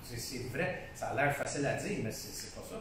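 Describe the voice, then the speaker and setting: A man's voice: mid-range voice, animated, a little fast. A man with a Québécois French accent speaking casually and enthusiastically in an interview, often repeating himself and restarting his sentences. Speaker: painter being interviewed. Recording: distant echoey room sound with faint noise.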